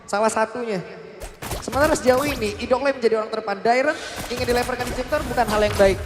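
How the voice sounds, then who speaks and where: A man's voice: very high voice, fast. An Indonesian man giving live co-commentary and analysis on a mobile game match. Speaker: esports commentator. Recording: echoey hall, loud music behind. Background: music.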